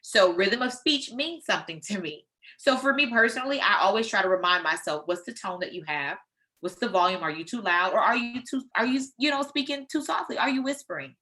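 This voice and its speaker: A woman leading a training session, lecturing in a lively, conversational way with frank personal asides. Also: medium pitch, brisk.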